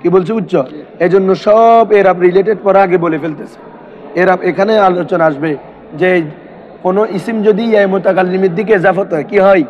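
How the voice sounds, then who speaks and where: A man's voice: high-pitched, a little fast. A man teaching a classroom grammar lesson, quizzing his students with constant questions. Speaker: madrasa teacher. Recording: dull lo-fi recording.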